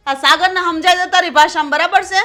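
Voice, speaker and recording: In a short film, an actress plays a domineering, proud mother-in-law who scolds and lectures her daughter-in-law in a family drama scene. Her voice is very high-pitched, fast and sharp, and her manner is bossy and indignant. Soft music plays in the background.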